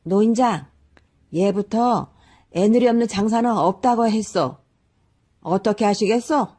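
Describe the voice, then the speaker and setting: A woman's voice: medium pitch, measured pace, dark tone, pitched above the performer's own voice, lightly acted. A woman voicing a shrewd farmer man haggling over the price of an ox in a raised voice.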